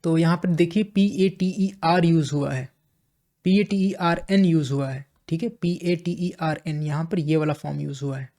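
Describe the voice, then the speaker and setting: A man with an Indian accent teaching English vocabulary in a classroom-style lesson, explaining slowly and repeating phrases as he checks in with listeners. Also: on the high side, warm tone.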